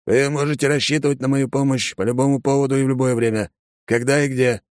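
Man doing a gruff old army colonel. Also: medium pitch, steady tone, fast, darkish tone, dry recording, clean studio sound, pitched above the performer's own voice, close to an everyday voice. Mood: polite. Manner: gravelly, barking, coarse. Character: gruff older male army colonel, blunt and commanding.

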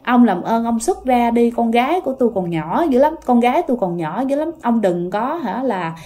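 A woman's voice: fairly high pitch, expressive, normal speed, mellow, natural voice. A woman voicing a frightened parent pleading with a spirit, told in a story.

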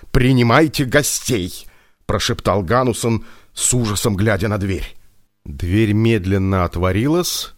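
A man reading a story aloud in a measured, even manner. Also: mid-range voice, no room sound. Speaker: narrator. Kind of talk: audiobook narration. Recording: dry close audiobook with faint music.

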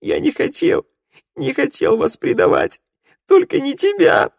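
A man voicing a distraught young undead man who sobs and begs, his voice high and breaking. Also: animated, slow pace, no room sound, clean studio sound. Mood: sobbing. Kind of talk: audiobook character voice.

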